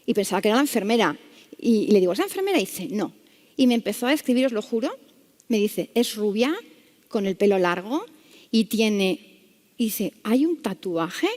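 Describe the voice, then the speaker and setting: A woman's voice: medium pitch, normal speed, pauses often. A woman doctor, telling a clinical anecdote to an audience and acting out the voices in it. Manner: lively anecdotal storytelling, acting out dialogue. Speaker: palliative care doctor. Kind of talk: storytelling talk to an audience. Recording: long hall reverb.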